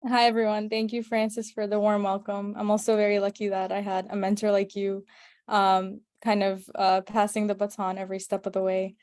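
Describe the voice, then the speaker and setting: A young woman in her twenties gives a webinar talk over a video call. Her voice stays flat and level, at a middle pitch. She speaks politely and fills many pauses with "um", and the sound is dry. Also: dry recording. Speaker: medical student presenter. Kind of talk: webinar presentation.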